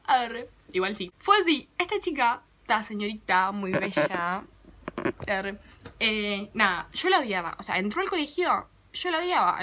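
A woman's voice: a little high, pushed and bright. A young woman with a Rioplatense Spanish accent, chatting casually to camera in a dramatic, self-mocking vlog. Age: young adult. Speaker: vlogger.

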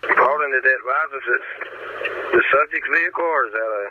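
A man's voice: medium pitch, a little fast. A man with a Southern US accent talking as a police officer on two-way radio, informal and matter-of-fact. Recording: tinny, noisy police scanner radio.

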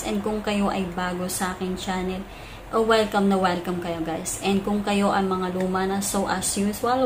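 Chatty woman vlogger over background hiss. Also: medium pitch. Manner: chatty, fills with "so, ayan guys"; speaking loudly to carry over a weak mic. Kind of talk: casual reaction vlog.

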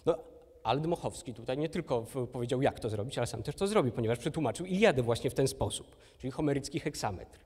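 A man's voice: mid-range voice, animated, fast talker, a little mellow, husky. Lecturing man in a reverberant hall. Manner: thinking aloud with hesitations and restarts. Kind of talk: recorded university lecture.

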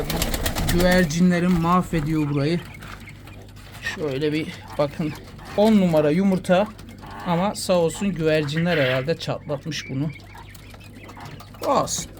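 A man from Turkey showing his quails in a casual vlog, talking fondly and soothingly to the birds. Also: on the high side. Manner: fond, soothing, talks to the birds. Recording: noisy with bird sounds. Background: cooing birds, pigeons.

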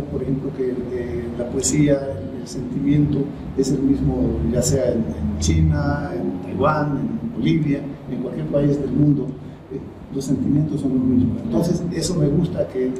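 A middle-aged man answers interview questions slowly and reflectively, often pausing and repeating himself as he finds his words. His voice sits at an ordinary pitch and is picked up from across a roomy space. There is a clear hum of background noise. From El Salvador, raised in the United States. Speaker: writer and poet, interview guest. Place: high-floor room by a large window over a city. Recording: roomy echo from the camera mic at a distance, noise behind.

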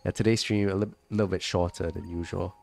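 A man's voice: low voice, fairly even intonation, brisk, gravelly, a little mellow. A sick man with a stuffy, nasal voice and a cough, chatting casually on a live stream and reading out viewer comments. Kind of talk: casual live-stream chat while gaming.

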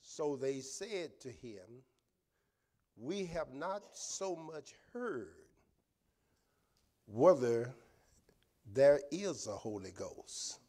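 A man's voice: medium pitch, big pitch swings, drawn-out words, long pauses, mellow. An older man preaching a sermon from the pulpit of a church sanctuary, drawing out his words and repeating amens. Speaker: pastor. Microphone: pulpit microphone, far camera.

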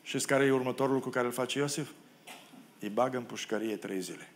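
Expressive male preacher in a church. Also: mid-range voice, noisy background. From Romania. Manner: expressive preacher who acts out the biblical quotes; self-deprecating asides to the congregation. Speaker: pastor. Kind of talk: sermon. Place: church hall.

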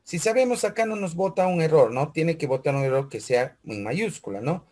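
A man's voice: a little high, lively intonation, normal speed, dark tone. A man teaching a computer class, talking the students through each step and often checking in with them. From Peru. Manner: walks through steps aloud, keeps checking with "¿ve?" and "chicos"; asks questions in a student's voice, then answers them. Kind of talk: screen-recorded computer class.

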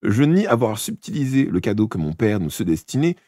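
A man voicing a mischievous, defiant young boy in an audiobook, raising his voice high and loud. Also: very animated, a little fast, dry recording, studio quality. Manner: bright, insistent denials. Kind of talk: audiobook character voice.

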